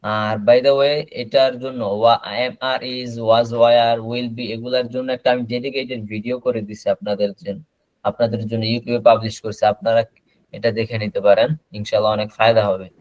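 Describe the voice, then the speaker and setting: A man teaching an online class, explaining slowly and repeating words over a video call. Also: medium pitch, level tone, dry recording, highs cut off. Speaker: English teacher.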